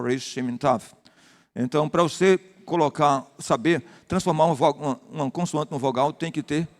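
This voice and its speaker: A man's voice: a little high, in a large hall. An older Brazilian man, a pastor, teaching a Bible study and greeting people in the congregation by name. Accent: Brazilian Portuguese. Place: church hall.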